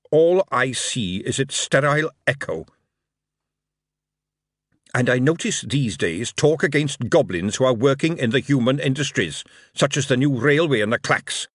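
Brief: male narrator as a booming dwarf king, raised pitch, loud, indignant, animated. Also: no room sound, clean studio sound, lightly acted. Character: furious male dwarf king, commanding and righteous.

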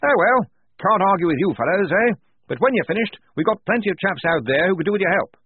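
A man voicing a blustering, hearty young army major who talks briskly and keeps tagging questions with "eh", over tinny phone-like audio. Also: sits high, lively intonation, breathy edge, pitched above the performer's own voice. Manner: jovial, brisk, tags questions with "eh".

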